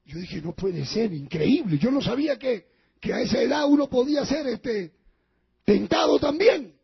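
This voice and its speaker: A man's voice: very high voice, lively intonation, moderate pace, creaky, dull audio. A male pastor preaching a sermon, emphatic and repetitive, often calling to his listeners as brothers.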